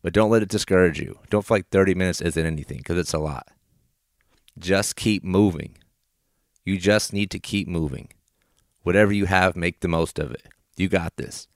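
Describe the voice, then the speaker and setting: A man's voice: deep voice, normal speed, no echo, clean studio sound. A man in his thirties hosting a motivational podcast, speaking in a subdued late-night way as if the house is asleep, encouraging the listener directly. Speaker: podcast host. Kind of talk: motivational affirmations podcast monologue. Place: small plastic play structure in a garage, padded with towels and blankets.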